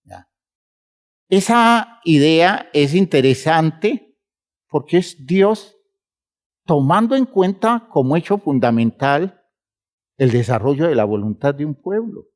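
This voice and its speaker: A man preaching a sermon, emphatic and measured, speaking to the congregation as brothers and stretching words for emphasis. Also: on the high side, expressive.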